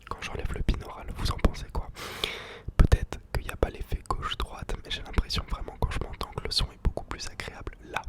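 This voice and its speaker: In this clip a male ASMR creator leans in with a gentle whisper, taking his time as he repeats foreign words and drops in casual slang.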